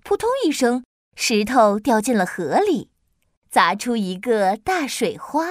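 A woman narrating a children's story in an expressive, lilting way. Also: on the high side, a little slow, no room sound, clean studio sound.

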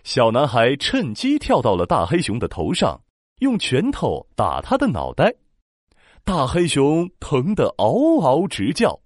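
Guy reading a kids story, super expressive, dry close sound. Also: medium pitch, measured pace, no echo. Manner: animated, expressive. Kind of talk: children's story narration.

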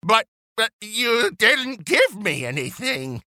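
A woman's voice: a little high, very animated, slow pace, bright, forceful tone, no room sound, studio quality, heavily acted. A woman voicing a meek, poor old fisherman who stammers and hesitates, in a children's audio story. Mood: timid.

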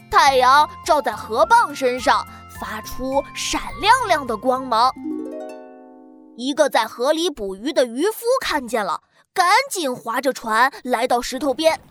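A woman narrating a children's story in a gentle, expressive way. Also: sits high. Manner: gentle, expressive, slow-paced.

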